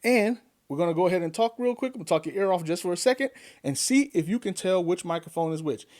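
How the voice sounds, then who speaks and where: Speaking fast in a high, slightly mellow voice with lively intonation, this man chats casually to camera as a YouTube tech reviewer. His home studio has gear in the background, and an arm-mounted desk condenser mic picks him up up close as he cheerfully asks viewers plenty of questions.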